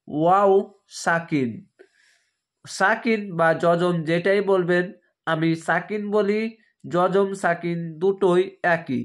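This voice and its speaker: A man teaching Quran letter pronunciation, spelling out each letter slowly and deliberately in a lesson. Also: sits high. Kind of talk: slow recitation lesson.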